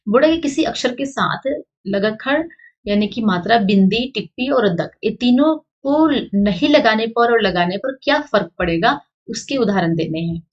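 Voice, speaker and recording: A woman teacher. She reads a textbook passage aloud and then explains it, saying example words slowly and more than once to contrast their sounds. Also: mid-range voice, animated, lo-fi sound. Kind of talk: online grammar lesson.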